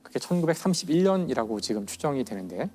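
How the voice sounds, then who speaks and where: An enthusiastic man in his fifties tells a story like a lecture, slowing down for the dramatic moments. His pitch sits in the middle for a man. Faint music plays under the studio talk. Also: sing-song, a little mellow. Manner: enthusiastic, slows down for dramatic emphasis. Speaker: physics professor guest speaker.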